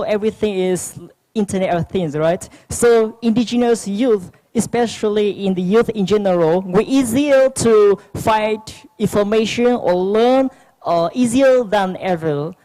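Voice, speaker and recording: A young youth panelist with a Vietnamese accent speaks in a mid-range, dark voice, and the audio quality is poor. Their prepared forum speech is hesitant, marked by many restarts and fillers.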